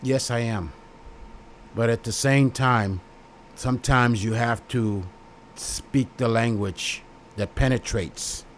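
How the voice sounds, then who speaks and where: A man's voice: medium pitch, slow, slight background noise. A middle-aged man with a Chicago accent hosts his own channel, talking straight to the camera in blunt, plain words and repeating phrases for emphasis. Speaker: YouTube host. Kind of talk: casual direct-to-camera commentary.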